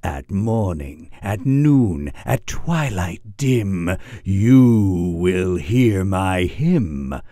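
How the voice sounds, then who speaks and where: A man voicing an ominous skull spirit, reciting spooky theatrical verse in a solemn, drawn-out way. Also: low-pitched, sing-song, warm tone, no echo, studio quality, exaggerated voice. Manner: solemn, drawn-out rhyming delivery. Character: eerie male skull spirit, slow and ominous.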